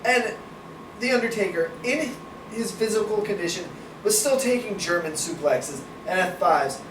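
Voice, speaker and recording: A man's voice: high-pitched, animated, normal speed. A man co-hosting a casual wrestling review podcast, giving strong opinions and swearing casually. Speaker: podcast co-host. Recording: roomy, distant mic, noisy background.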